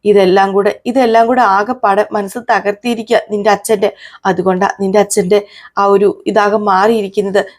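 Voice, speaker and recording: ഒരു സ്ത്രീ, മരുമകളോട് കയ്പ്പുള്ള ഒരു മധ്യവയസ്കയായ അമ്മായിയമ്മയായി ശബ്ദം നൽകുന്നു, പരാതിയും പുച്ഛവും നിറഞ്ഞ സംസാരം. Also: female voice, medium pitch, little pitch movement, moderate pace, lightly acted. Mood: aggrieved. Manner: complaining, scornful asides. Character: scheming middle-aged mother-in-law, bitter toward one daughter-in-law.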